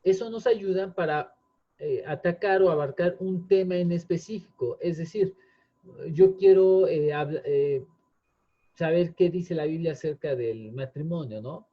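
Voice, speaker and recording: A man's voice: fairly high pitch, a little slow. A man, earnestly explaining in casual chat, often restarting with fillers. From Mexico. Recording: dull lo-fi sound.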